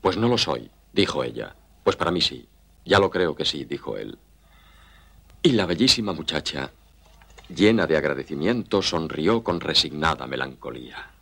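An actor playing a tender young man who teases his lover by making up a romance story, in a deep, husky voice. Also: big pitch swings, moderate pace, fairly bright tone, exaggerated voice. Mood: playful. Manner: playful, mock-narrating. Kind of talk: film dialogue.

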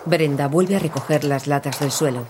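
A narrator reading scripted audio description in an even, neutral voice. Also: medium pitch, normal speed, very noisy.

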